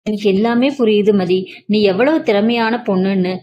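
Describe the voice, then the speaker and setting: A woman voicing a gentle sister-in-law who calms and reassures the family in a story reading. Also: mid-range voice, normal speed, dull audio, natural voice. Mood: soothing. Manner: soothing, reassuring.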